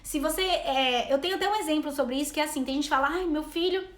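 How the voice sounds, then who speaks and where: Fast-talking high-voiced Brazilian woman. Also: reverberant. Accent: Brazilian Portuguese. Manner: chatty, rambling, reading out comments. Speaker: travel vlogger and mother. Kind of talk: casual live-stream chat with viewers.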